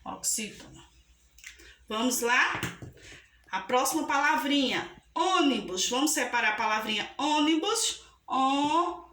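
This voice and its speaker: A woman's voice: high voice, expressive, measured pace, sharp tone, reverberant. A woman teaching a school grammar lesson, affectionate and patient, stretching out example words and checking in often with the class. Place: classroom with a board.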